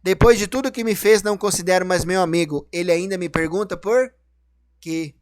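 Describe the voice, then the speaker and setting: A man's voice: high voice, fairly quick, no room sound. A man teaching a grammar lesson, explaining each rule and then asking and answering his own questions.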